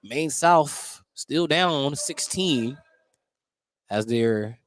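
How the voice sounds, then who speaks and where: A man with a mid-range, animated voice calls a basketball game live on radio from an indoor high school gymnasium. He stretches out his words and describes each play in clipped, detailed bursts.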